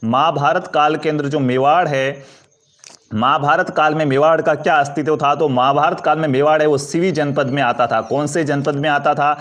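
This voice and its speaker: A man's voice: fairly high pitch, fairly even intonation, normal speed, a bit bright. A man teaching an exam-prep history lesson, asking questions and answering them himself while calling his students friends. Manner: addresses students as friends, asks for comments and likes.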